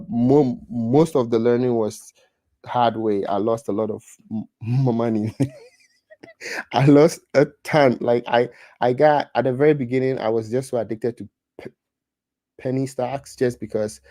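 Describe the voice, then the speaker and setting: A Ghanaian man in his thirties hosts a livestream, chatting casually in a Ghanaian accent and reading out viewer comments. His medium-pitched voice is mellow, with no echo, and he often restarts and repeats words.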